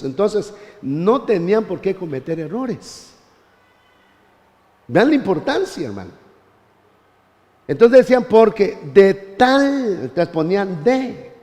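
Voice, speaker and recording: Man, Bible teacher, high lively voice, church lesson, reverberant hall. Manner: animated, keeps addressing listeners as brother.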